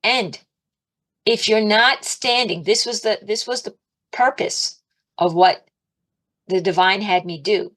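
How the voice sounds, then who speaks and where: A woman giving an informal, chatty sermon, animated, laughing often and raising her voice to act out her pleas to God. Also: medium pitch, slow pace, pauses often. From Italian and Irish heritage. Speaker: spiritual teacher.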